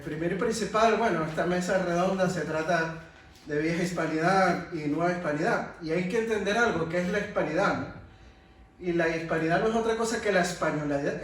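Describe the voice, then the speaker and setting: A higher-voiced man with a Venezuelan Caribbean accent addresses a round table, often checking in with rhetorical tags. The sound is very reverberant and picked up from a distance. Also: moderate pace. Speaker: panel speaker and history communicator. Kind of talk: public talk at a round table. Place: echoey room in a monastery, before an audience. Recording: very echoey, distant mic, faint noise.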